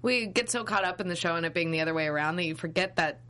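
A woman co-hosting a casual TV recap, agreeable and animated, laughing often. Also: lowish voice, racing. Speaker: co-host.

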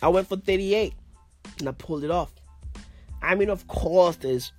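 A man's voice: high voice, normal speed, faint music behind. A man with a blocked-up nose hosting a casual solo podcast from his bed, swearing often and repeating himself in loose slang. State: congested, blocked-up nose and sinuses. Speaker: podcast host.

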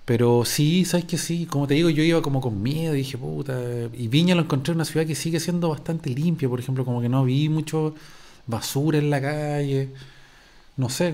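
This podcast host is a middle-aged man from Chile whose medium-pitched voice sounds mellow. Answering questions from listeners in a relaxed chat, he speaks with a Chilean accent, wanders off on tangents, leans on slang, and keeps starting over.

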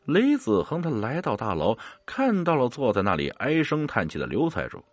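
A man narrating a scripted ghost story in a dramatic, expressive manner. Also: mid-range voice, normal speed, no room sound.

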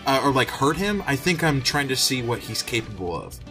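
A man's voice: medium pitch, big pitch swings, brisk, pushed and bright, soft background music. A man playing a tabletop role-playing game, chatting casually and informally as he says what his character does. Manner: informal, sweary.

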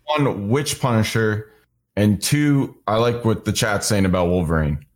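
Guy guesting on a stream, lowish voice, bro talk, keeps repeating stuff eagerly. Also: unhurried. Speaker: guest on a livestream. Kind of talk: casual chat.

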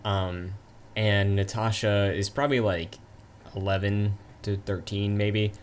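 Man, low voice, casual film review chat, chatty with trailing asides. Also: steady tone, unhurried, slight background noise. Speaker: podcast co-host.

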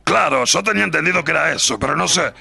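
Man acting a creaky, sharp-voiced Uruguayan grandpa. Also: a little high, expressive, fast talker, soft background music, full character voice. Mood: reflective. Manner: folksy, familiar. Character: friendly old Uruguayan grandfather on comedy radio.

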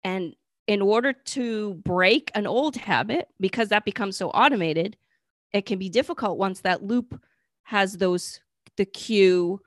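Woman co-host explaining calmly. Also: mid-range voice, a little slow, no echo, clean studio sound. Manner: frequent affirming "mm-hmm" and laughs. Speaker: podcast co-host. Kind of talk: casual conversational explaining.

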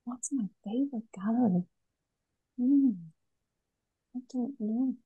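Husky west of Ireland woman, thoughtful. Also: fairly high pitch, takes it slowly, phone-quality sound. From Galway, west of Ireland. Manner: thoughtful, pragmatic. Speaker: interview guest, art curator. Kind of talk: conversational interview answers.

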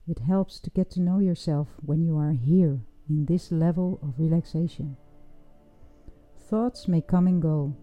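A woman leading a guided breathing meditation in a soft, soothing, unhurried voice with long pauses. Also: low voice. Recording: dull, muffled sound with music underneath. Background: music.

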